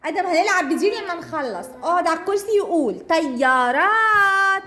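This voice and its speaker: A woman's voice: very high-pitched, lively intonation, sharp tone. A woman with an Egyptian accent leading a children's speech lesson, praising often and drawing out key words as she repeats them. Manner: slow drawn-out repetition of target words. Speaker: speech therapist teaching young children. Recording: noisy room recording.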